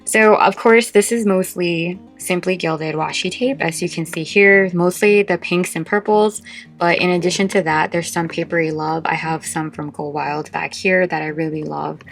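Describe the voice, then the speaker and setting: Casual vlog host, female, low register with vocal fry, short of breath, chatty and meandering, soft guitar underneath. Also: fairly even intonation, normal speed. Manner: chatty and informal, meandering with asides. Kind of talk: casual chat showing a craft collection.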